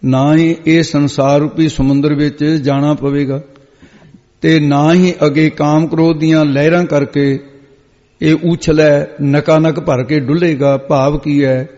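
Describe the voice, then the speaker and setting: A man's voice: a little high, little pitch movement, measured pace, mellow, big-room sound, dull audio. A man teaching the meaning of scripture line by line and patiently correcting a student's pronunciation. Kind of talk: line-by-line scripture exposition lesson.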